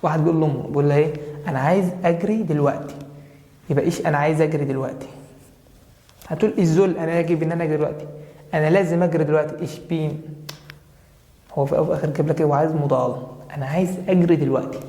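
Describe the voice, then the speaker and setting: A woman with an Egyptian Arabic accent teaching a German grammar lesson, spelling out German verb forms slowly and checking in with her students after each point. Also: low voice, fairly even intonation, mellow. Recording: echoey room with long reverb.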